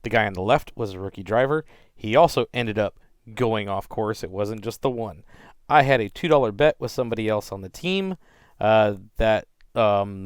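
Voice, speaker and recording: A man narrating his own video in a relaxed, plainspoken voiceover. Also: lowish voice, smooth, no room sound, clean studio sound. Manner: relaxed, plainspoken, a few fillers. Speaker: channel host narrating.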